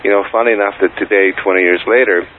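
Over a tinny phone line with a faint hiss, a middle-aged Polish man with a Polish accent speaks as an interview guest. He talks casually and hesitantly, using lots of fillers. His voice is lowish with a steady tone, and his pace is quick.

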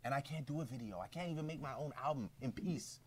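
A man's voice: mid-range voice, lively intonation, quick pace, breathy edge, voice pushed up. A lisping, self-pitying male music star, as a podcast host puts him on. He whines and drags out his complaints, sounding worn out by the demands on him. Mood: whiny. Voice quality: lisp.

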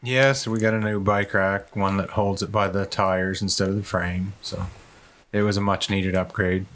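A man's voice: sits low, little pitch movement, normal speed, a bit bright. A man in casual podcast chat, easygoing and matter-of-fact.

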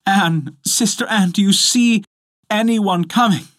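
Man doing a high, pleading fairy-tale wife. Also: animated, moderate pace, no room sound, clean studio sound. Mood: desperate. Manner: pleading, imploring, high-pitched delivery. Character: frightened, pleading young wife in distress.

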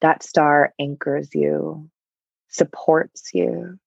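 A woman guiding a meditation in a soft, soothing voice with long pauses, at times breathy and close to a whisper. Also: low-pitched, steady tone, no room sound, dull audio. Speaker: meditation guide. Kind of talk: guided meditation.

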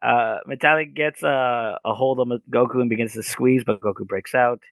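A man's voice: mid-range voice, fairly even intonation, moderate pace, vocal fry, no room sound. Mid-voiced man recapping an episode, dry mic. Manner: recaps plot with frequent "uh" fillers. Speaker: podcast co-host. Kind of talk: casual podcast recap.

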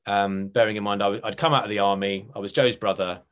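A man's voice: on the low side, steady tone, quick pace, fairly bright tone. Chatty middle-aged Essex man. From Essex, England. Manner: chatty, rambling, self-correcting. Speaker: actor and writer being interviewed. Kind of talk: casual reminiscing.

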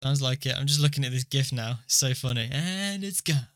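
A man's voice: mid-range voice, little pitch movement, fast, a bit bright. A man co-hosting a podcast in casual chat, joking around and laughing easily. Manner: chatty, laughs easily, riffs on jokes. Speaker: podcast co-host.

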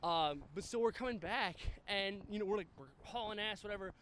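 A man's voice: high voice, a little fast, fairly bright tone, slight background noise. A man, telling profane stories in casual chat while walking outdoors, laughing often. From the Bronx, New York. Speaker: guest. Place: outdoors in a cemetery.

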